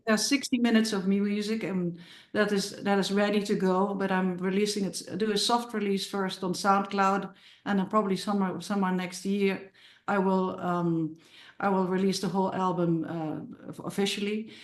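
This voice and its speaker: Talking through her film as a podcast guest, this Dutch-accented, middle-aged filmmaker and musician keeps circling back with restarts and repeated words. She has a medium-pitched, level voice and a moderate pace, and the room sounds echoey.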